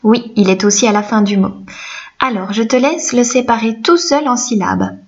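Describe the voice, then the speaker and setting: A woman teaching a reading lesson to young children, slow, gentle and encouraging. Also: a little high, muffled recording.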